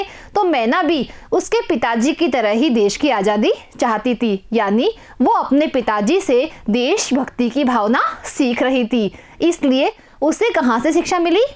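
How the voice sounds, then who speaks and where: A young woman teacher giving a patient, repetitive lesson to young children, asking questions and answering them herself. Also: sits high. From Rajasthan, India.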